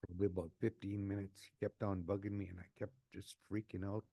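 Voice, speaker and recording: A man in his sixties telling his own life story, unscripted and emotional, often halting and repeating words as he restarts a phrase. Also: low-pitched, level tone, vocal fry, mellow, no echo, clean studio sound. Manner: emotional, earnest. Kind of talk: personal testimony, unscripted.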